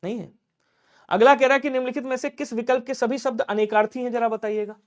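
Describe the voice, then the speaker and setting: A man teaching an exam-prep Hindi grammar lesson, quickly drilling questions and answering them himself in his students' voices. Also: very high voice, fairly even intonation. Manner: drills quickly, urging speed.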